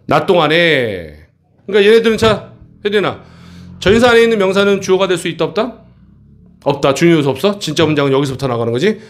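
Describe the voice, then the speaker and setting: A man teaching an English textbook passage to middle school students in a classroom, often checking in with quick questions. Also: on the high side, very animated.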